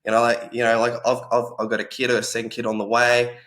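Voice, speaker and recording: A man who coaches martial arts chats casually as a podcast co-host. He talks in a mid-pitched voice with a loose rhythm, full of "like" and "yeah". His tone is easygoing and conversational. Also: fast. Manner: relaxed, chatty, lots of "like" fillers.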